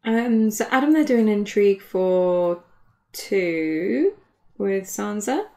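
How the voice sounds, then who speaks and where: This is a young woman in her twenties doing relaxed commentary on a card tournament game. Her talk is chatty and full of fillers, and giggles come easily to her. Her voice sits at an ordinary middle pitch for a woman. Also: takes it slowly. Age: 20s. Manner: giggly, chatty, laughs often. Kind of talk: casual live match commentary.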